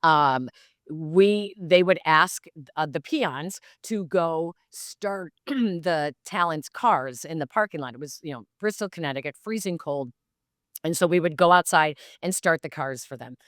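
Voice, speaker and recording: A woman in her fifties with a low, smooth voice tells long, animated stories. She loops back on herself with plenty of fillers and restarts. The studio sound is dry and close. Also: measured pace, dry recording. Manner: animated, rambling with many fillers. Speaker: sports broadcaster, podcast guest. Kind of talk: casual anecdotal storytelling.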